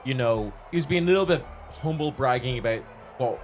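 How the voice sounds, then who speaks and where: A man's voice: mid-range voice, lively intonation, a little fast. A man narrating a tabletop game as game master, in loose, laughing banter with his players. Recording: music playing behind the voice.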